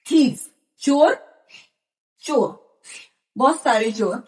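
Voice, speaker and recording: A woman's voice: high voice, expressive, drawn-out words, a little mellow. A woman teaching a grammar lesson, explaining patiently and spelling out examples one by one.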